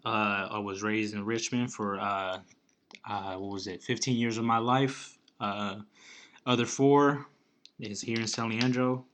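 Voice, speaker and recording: A nineteen-year-old man from California talks through a casual podcast chat with a bright, forceful tone. He stays laid-back and slangy and rambles through fillers and restarts. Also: lowish voice, steady tone, measured pace. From California, USA. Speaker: podcast co-host.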